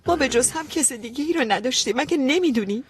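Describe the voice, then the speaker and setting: An actress playing a grieving young woman who has lost her sister, weary and sharp-tongued, in a dubbed TV drama. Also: sits high, animated, slight background noise.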